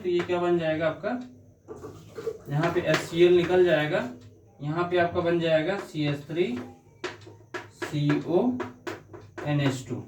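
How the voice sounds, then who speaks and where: A man's voice: sits high, recorded from a distance. Male teacher, step-by-step lecture, echoey room, faint hum behind. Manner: talking through reactions step by step, asking himself questions. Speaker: chemistry teacher. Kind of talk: classroom lecture on organic chemistry.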